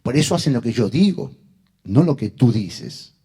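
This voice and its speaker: A man doing a slow, menacing devil. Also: sing-song, mellow, breathy edge, full character voice. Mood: gloating. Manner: slow, low, menacing taunts. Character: sinister male devil taunting believers.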